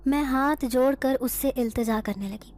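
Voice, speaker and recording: A woman's voice: high voice, a little mellow. A woman narrating a first-person horror story in an emotional, earnest way.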